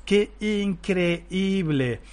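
A man's voice: sits high, drawn-out words, a little mellow. A man with a Mexican Spanish accent, a pastor teaching a live-streamed Bible lesson, who reads verses aloud and breaks into fervent praise between them.

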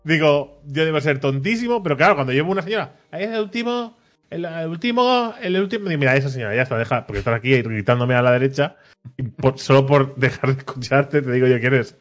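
A young man from telling a lively anecdote in casual chat, mimicking people he met. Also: mid-range voice, quick pace. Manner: animated storyteller, mimics voices of people in the queue.

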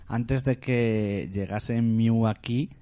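A man chatting casually on a podcast in a brisk, talkative way. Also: mid-range voice, fairly even intonation, warm tone, clean tone. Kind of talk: casual chat.

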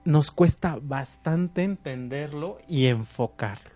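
Relaxed man co-hosting a talk show. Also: fairly high pitch, takes it slowly. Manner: explanatory, relaxed, with many fillers and examples. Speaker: co-host of a psychology talk show. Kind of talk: conversational talk-show discussion.

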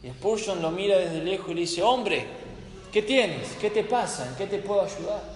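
A man preaching a sermon, telling stories dramatically and slowing down with weighty pauses for emphasis. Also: high-pitched, expressive. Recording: echoey hall with faint noise.

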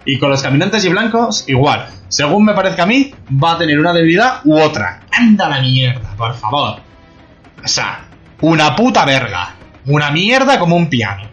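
A man with a somewhat high voice rants with mounting exasperation, swearing freely and asking one incredulous question after another. The recording is slightly muffled and lo-fi. Faint music plays underneath. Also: big pitch swings, moderate pace, a bit bright. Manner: angry, profane, incredulous ranting. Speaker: podcast host. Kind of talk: ranting TV review. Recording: slightly dull lo-fi podcast audio, faint music.

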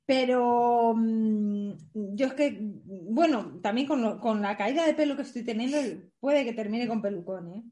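Bawdy woman podcast co-host, thirties, slightly high voice, joking chat. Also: measured pace, dark tone. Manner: bawdy, joking, frequent laughter. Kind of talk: casual chat.

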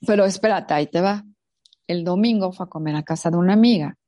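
A middle-aged woman, chatting casually as a co-host and telling an animated story, acting out the voices in it. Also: on the low side, fast talker, dry recording, studio quality. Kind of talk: casual chat.

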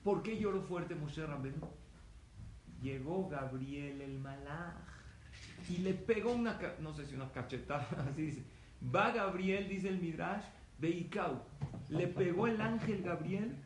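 A man's voice: a little high, a little slow. Storytelling man in a roomy hall. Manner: lively storytelling, asks the audience questions. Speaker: rabbi lecturer. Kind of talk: religious lecture to an audience. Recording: roomy hall with faint noise.

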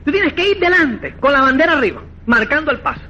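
A man giving a motivational network marketing seminar, animated and acting out quoted dialogue, repeatedly checking that listeners follow. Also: very high voice, fast, highs cut off. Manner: animated, acts out quoted dialogue, keeps asking "¿me entiendes?".

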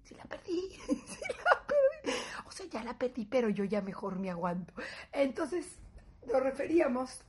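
Mexican woman vlogger, high voice, animated, salty storyteller who acts out voices. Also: unhurried, husky. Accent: Mexican Spanish. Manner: animated, swearing, laughing through her story. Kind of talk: casual storytelling to viewers.

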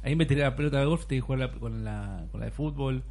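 A man's voice: medium pitch, very fast, darkish tone. A young man with an Argentine Spanish accent, eagerly explaining a video game to friends in casual chat. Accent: Rioplatense Spanish. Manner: eager, explaining with many restarts. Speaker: panelist showing a game.

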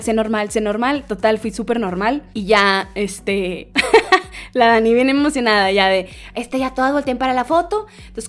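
A young woman in her twenties with a Mexican accent, hosting a vlog in a casual, slangy, animated storytelling style. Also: on the high side. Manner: animated, slangy, acts out quotes in other voices. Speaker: vlogger host. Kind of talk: casual storytelling and chatty entertainment news.

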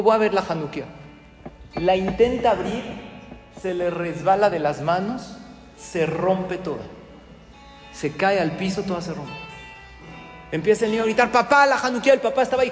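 A man telling a story as a sermon, acting out the characters' dialogue with lively emphasis. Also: high-pitched. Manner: animated storyteller, acts out dialogue. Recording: echoey hall with soft guitar music.

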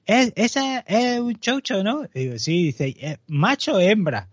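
A man with a high voice tells a story in relaxed chat, laughing often and slipping into the voices of the people he quotes. The sound is dry and a little dull. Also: unhurried, husky, no echo. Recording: dull, slightly muffled, dry audio.

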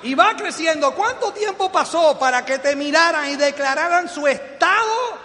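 A middle-aged man from Puerto Rico with a Puerto Rican Spanish accent, giving a motivational business speech to a live audience. He is animated and joking, acts out quoted voices, and asks the audience questions. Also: very high-pitched, moderate pace. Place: large hall before an audience. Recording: long hall reverb.

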